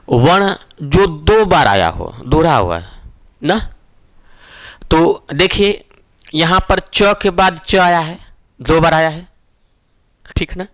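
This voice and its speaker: Male grammar tutor, middle-aged, explains methodically with frequent check-ins, higher pitch, dry recording. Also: fairly bright tone, no room sound. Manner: explains step by step, often asks "ठीक है ना?". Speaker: teacher. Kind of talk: exam-prep Hindi grammar lesson.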